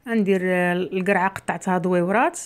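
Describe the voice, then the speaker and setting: A middle-aged Moroccan woman talks her viewers through a recipe in a relaxed, chatty way. She keeps calling them "girls" and adds asides as she works. She is recorded in her home kitchen on a camera set on the counter. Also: fairly low pitch, fast talker. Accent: Moroccan Arabic. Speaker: cooking channel host. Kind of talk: casual cooking vlog chat. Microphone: camera near the worktop, speaker mostly off frame.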